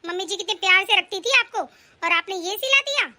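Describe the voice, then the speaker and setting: A woman's voice: very high-pitched, fairly quick, background noise. A woman voicing a kind, earnest young bride. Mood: reproachful. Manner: calm, earnest, firm. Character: kind, loyal poor young daughter-in-law. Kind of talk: animated story voice acting.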